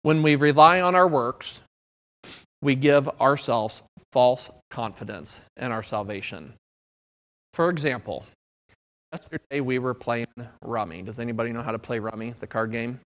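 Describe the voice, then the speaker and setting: A man's voice: mid-range voice, moderate pace. A man in his thirties preaching a sermon in a conversational, self-deprecating way. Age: 30s. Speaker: pastor. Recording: dull lo-fi recording.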